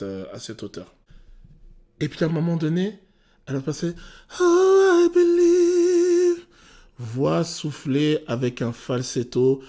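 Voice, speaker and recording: A male vocal coach talks through a song's technique in detail, often pausing on "euh". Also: mid-range voice. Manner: technical and animated, many "euh" pauses. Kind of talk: explanatory song analysis.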